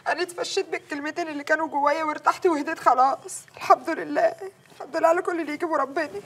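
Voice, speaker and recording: A poor, lamenting village servant. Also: female voice, high-pitched, fairly even intonation, very fast. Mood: relieved. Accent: Egyptian Arabic. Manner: lamenting, praying, pleading. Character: poor downtrodden village servant woman, pleading.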